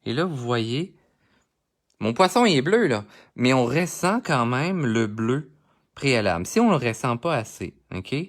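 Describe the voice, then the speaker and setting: Speaking with a Québécois French accent, this art instructor has a mid-range voice and a very animated but unhurried delivery. He's live-streaming a coloring tutorial, chatting directly with his viewers as he draws.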